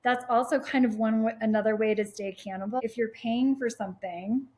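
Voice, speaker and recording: A woman's voice: on the high side, steady tone, a little fast, darkish tone. A woman who is a Pilates instructor, a guest in casual chat, upbeat and peppering her talk with "like" and "right?". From United States.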